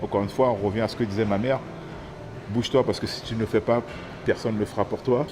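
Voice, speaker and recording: A man in his thirties from French Guiana gives a personal testimony, thoughtful and pausing often as he searches for words. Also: lowish voice, steady tone, noisy background. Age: 30s. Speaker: interviewee.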